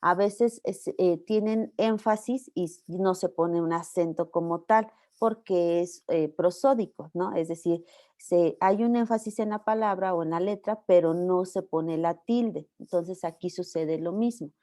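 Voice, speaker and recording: A woman's voice: lowish voice, a little slow, dark tone. A Mexican woman teacher giving a university class, explaining step by step and checking that students follow. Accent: Mexican Spanish. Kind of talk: online class lecture.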